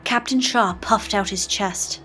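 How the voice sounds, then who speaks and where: A woman's voice: medium pitch, faint music behind. Woman narrating a pirate story. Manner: even, measured read-aloud delivery with pirate phrasing.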